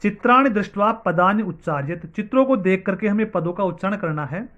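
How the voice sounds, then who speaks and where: A male teacher giving an online class for children, drilling words slowly and patiently, one at a time. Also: high voice, animated, muffled recording. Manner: slow, patient word-by-word drilling.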